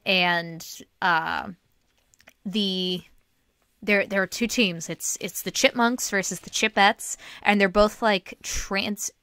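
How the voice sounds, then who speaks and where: A woman hosting a podcast, telling rambling animated stories in casual chat. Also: mid-range voice, slow pace, smooth, no room sound, studio quality. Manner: animated, rambling storyteller, breaks into singing. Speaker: podcast host.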